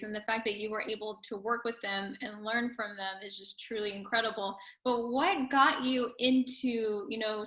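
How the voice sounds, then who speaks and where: A woman's voice: fairly high pitch, bright, forceful tone. A woman hosting an interview, asking admiring questions with hesitant restarts. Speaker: interview host. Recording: roomy echo.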